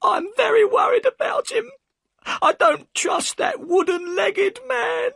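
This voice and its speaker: A man putting on a tearful high-voiced boatwoman. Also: slow, creaky, a bit bright, no echo, heavily acted. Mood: crying. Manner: high pleading sobbing voice. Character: tearful worried boatman's wife, woman.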